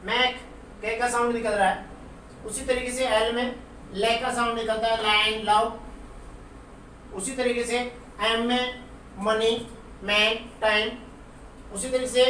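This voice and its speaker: A man's voice: very high-pitched, sharp tone, a little hiss or hum. A man teaching an English lesson, explaining patiently and repeating example words to drill them. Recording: very echoey room, far from the mic.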